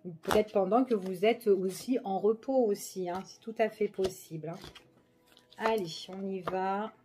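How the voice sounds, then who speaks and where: A woman's voice: medium pitch, normal speed, mellow, slight background noise. A woman giving a casual general tarot reading, chatty and full of fillers, often checking in with the listener. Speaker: tarot card reader.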